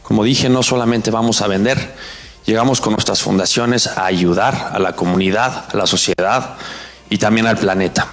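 A man giving an earnest, deliberate interview soundbite as a company executive. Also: fairly low pitch, a bit bright.

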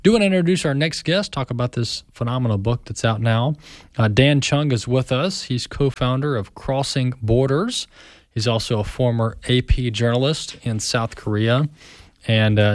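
A man hosts a talk radio show, chatting with a guest in a friendly, unscripted way full of "um"s. His voice sits in a middle pitch. The studio sound is dry and close to the mic. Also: no echo. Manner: friendly, with frequent fillers. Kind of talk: casual radio interview.

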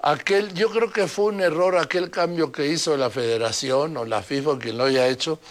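A man's voice: a little high, moderate pace. Older man interviewing chattily. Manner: chatty, prompting questions. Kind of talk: casual interview.

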